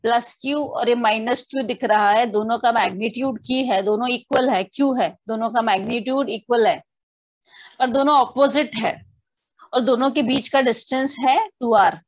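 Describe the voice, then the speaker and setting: A woman's voice: fairly high pitch, moderate pace, no echo. Dry, slightly muffled woman teaching physics. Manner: explains step by step, often asking students if they understood; mixes English definitions into the explanation. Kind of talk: online class lecture.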